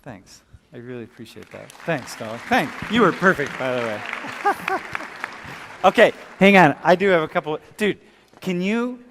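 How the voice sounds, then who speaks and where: A male professor chats his way through a lecture, his voice sitting a little high. He talks casually, full of fillers and restarts. A long reverb from the lecture hall trails behind every word. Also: lively intonation, normal speed, a bit bright, a faint crowd, slight background noise. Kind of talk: classroom lecture with student questions.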